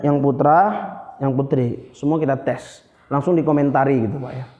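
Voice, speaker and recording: A man's voice: mid-range voice, fairly even intonation, normal speed, dark tone. A man running a public speaking workshop in a mosque, playful and teasing, often quizzing his audience. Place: mosque hall. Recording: reverberant hall, dull lo-fi sound.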